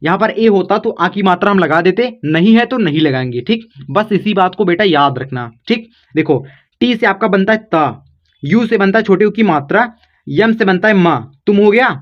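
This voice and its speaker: A man's voice: high voice, lively intonation, moderate pace, dull audio. A man teaching a spoken tutorial lesson, explaining patiently and checking in after every step. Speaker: English teacher.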